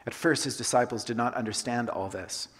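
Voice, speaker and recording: In a church sanctuary with long hall reverb, a pastor raised in Colombia gives a conversational sermon. His voice is medium-pitched, fairly quick, and slightly rough, and he repeats key phrases to drive them home.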